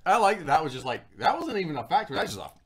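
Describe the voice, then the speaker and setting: A man's voice: a little high, very animated, racing, crowd noise. A man hosting a casual livestream chat, rambling and talking while he eats. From Florida. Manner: rambling, chatty, talks while eating. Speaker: show host.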